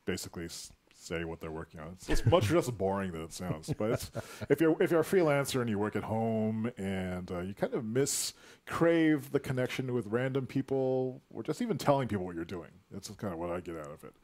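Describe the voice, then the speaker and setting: A man's voice: on the low side, expressive, brisk, a little mellow. A man hosting a podcast from his home, chatting in an easygoing, rambling way and restarting sentences. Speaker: podcast host, designer. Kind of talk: casual chat. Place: his own house.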